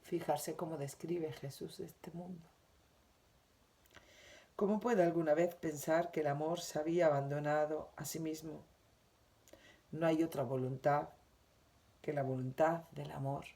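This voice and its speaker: Una mujer con acento de España que lee y comenta una lección espiritual diaria, con tono suave, sentido y reflexivo. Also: female voice, deep voice, steady tone, unhurried, pauses often, dark tone. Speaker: spiritual teacher. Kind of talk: reading and commenting on a daily spiritual lesson.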